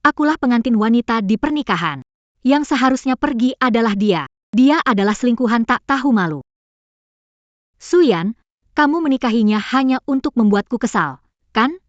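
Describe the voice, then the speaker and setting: Actress as high-voiced, desperate jilted woman. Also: expressive, normal speed, no room sound, lo-fi sound, lightly acted. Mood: defiant. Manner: pleading, defiant, overwrought. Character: desperate, obsessive jilted young woman crashing a wedding. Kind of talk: dubbed melodrama acting.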